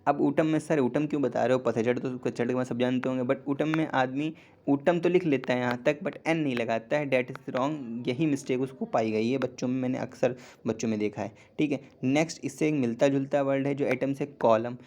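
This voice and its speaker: A man in his twenties teaching an online English spelling lesson in a casual classroom way. He explains slowly, repeats each word several times and asks and answers his own questions. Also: mid-range voice, darkish tone.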